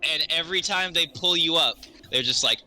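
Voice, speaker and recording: A man improvising narration as game master of a tabletop game, halting as he thinks aloud. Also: on the high side, bright, forceful tone.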